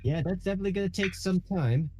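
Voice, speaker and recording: A man's voice: sits high, fast, noisy background. A man playing a tabletop game who muses and thinks aloud hesitantly as he plays. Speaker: player. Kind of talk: casual tabletop game play.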